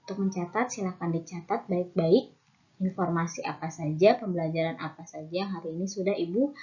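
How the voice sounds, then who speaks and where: A woman's voice: lowish voice, a little fast, a little mellow, dull audio. A woman teacher giving an online lesson to her students, patiently repeating key terms and talking with many fillers.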